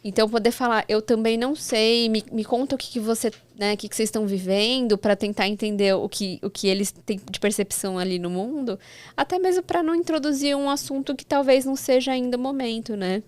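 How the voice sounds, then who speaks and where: A woman's voice: a little high, quick pace, a little mellow, dry recording. A woman, a mother, speaking as a guest in a casual chat, reflective and full of "né" tags, quoting others.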